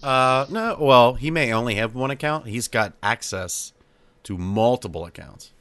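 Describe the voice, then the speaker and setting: A man's voice: medium pitch, lively intonation, a little slow, fairly bright tone, no echo. A man co-hosting a podcast as its audio engineer, chatting casually and teasing in a riffing way. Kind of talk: casual chat.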